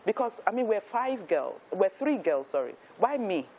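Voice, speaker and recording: A woman's voice: mid-range voice, sing-song, moderate pace, dark tone, a little hiss or hum, poor audio. A Nigerian woman in her fifties, a talk show guest telling her life story in an earnest, emphatic way, with frequent restarts. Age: 50s.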